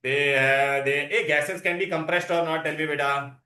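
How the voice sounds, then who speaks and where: Bright-voiced Indian man teaching, echoey room. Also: fairly high pitch, fairly even intonation, brisk. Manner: asks frequent questions, prompting for answers; mixes Hindi words into English. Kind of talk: interactive classroom science lesson. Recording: echoey, roomy sound.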